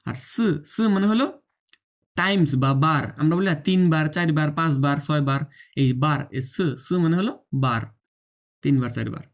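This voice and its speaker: A Mandarin teacher, giving an online lesson, repeating each sound slowly, showing tongue and breath, and often asking whether the learner follows. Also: mid-range voice. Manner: drills sounds by slow repetition, often checks understanding; demonstrates tongue and breath on camera.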